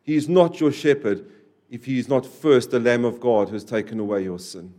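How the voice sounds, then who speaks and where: At a church service, a man with a mid-range voice preaches a sermon at a fairly quick pace. He repeats key phrases, moving between loud, stressed lines and quiet endings that drop away.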